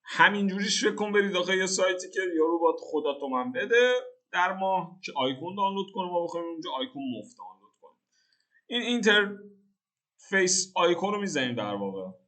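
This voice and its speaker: A young man from Iran walks through his code in a casual screen-recorded tutorial. He thinks aloud in slang, cracks jokes and corrects himself as he goes. His voice sits a little high for a man. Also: lively intonation, sharp tone. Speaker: programming tutor.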